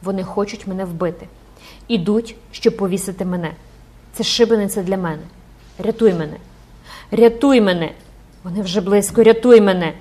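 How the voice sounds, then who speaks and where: A woman's voice: medium pitch, brisk, a little mellow, husky, natural voice. A woman voicing a frightened young girl who pleads with her mother for help. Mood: pleading.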